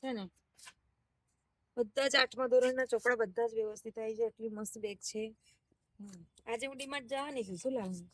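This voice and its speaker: A woman's voice: a little high, brisk, long pauses, a bit bright, a little hiss or hum. A woman, a mother hosting a casual family vlog, chatty and coaxing her children with questions.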